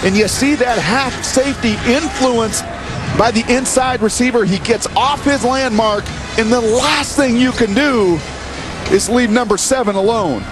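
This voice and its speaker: A man's voice: extremely high pitch, a little slow, music in the background. A man working as a color commentator, explaining and judging football plays in an opinionated way. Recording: broadcast with loud background noise.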